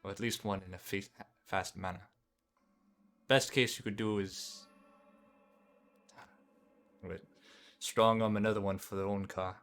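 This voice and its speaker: A man voicing a jaded garage owner in his early forties during a tabletop role-play, gruff and businesslike. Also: lowish voice, fairly even intonation, measured pace, pauses often, fairly bright tone, soft background music. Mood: weary.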